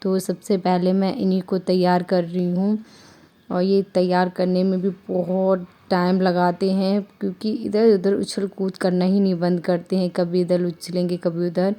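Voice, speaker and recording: A young woman from India, a mother, calmly narrating her household routine in a steady, explanatory way that often repeats itself. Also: fairly low pitch. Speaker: vlogger mother. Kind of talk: calm voice-over narration of a home routine.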